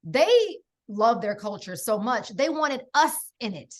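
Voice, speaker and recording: A middle-aged woman from the US is a podcast guest, speaking slowly in a fairly high voice with big swings in pitch. She recounts stories emphatically in a casual conversation, leaning heavily on "like" and "right?".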